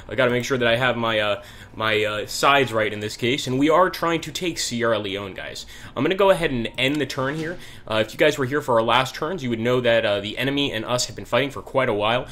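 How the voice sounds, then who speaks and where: A man's voice: medium pitch, fairly bright tone. A man hosting a strategy game let's play, chatting and thinking aloud as he plays. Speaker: gaming channel host.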